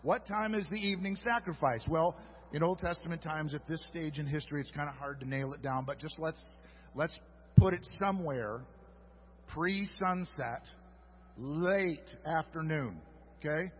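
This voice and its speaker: A man's voice: fairly high pitch, moderate pace. A man preaching a sermon as a pastor, retelling a story with humorous asides to the congregation. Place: church sanctuary. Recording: dull audio with long hall reverb.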